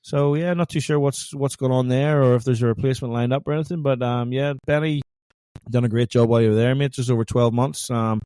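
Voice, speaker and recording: A man's voice: mid-range voice, fairly even intonation, fast, warm tone, smooth, no echo, clean studio sound. A man co-hosting a casual sports podcast, chatty and joking, calling his co-host "mate".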